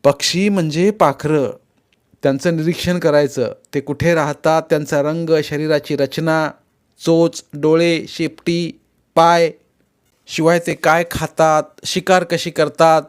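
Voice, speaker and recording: A man's voice: on the high side, level tone, a little slow, clear, resonant tone, pitched above the performer's own voice, natural voice. A man reading a story aloud, voicing a curious schoolboy who earnestly explains his bird-watching hobby.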